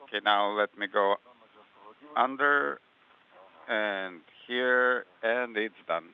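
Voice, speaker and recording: Guy talking over a tinny sci-fi style space radio link, smooth voice, calm short directions. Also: lowish voice, slow pace. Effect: space-to-ground radio link. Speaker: spacewalk crew radio communicator. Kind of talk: step-by-step instructions over the radio. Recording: tinny narrow-band radio transmission.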